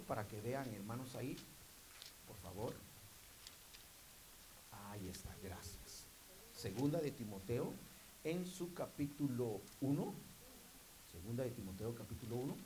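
A man preaching a sermon to his congregation, repeatedly calling out to them and rising into loud, emphatic bursts. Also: mid-range voice, background noise.

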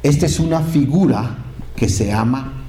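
A man's voice: mid-range voice, unhurried, echoey room. A man preaching a sermon, calling on the congregation for amens. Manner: lively, calls to the congregation for amens. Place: church.

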